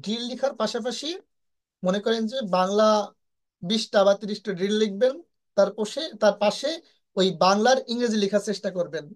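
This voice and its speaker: A woman's voice: mid-range voice, a little fast. Woman teaching English. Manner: explains step by step, asks rhetorical questions, frequent "হ্যাঁ?" checks. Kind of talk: online language lesson.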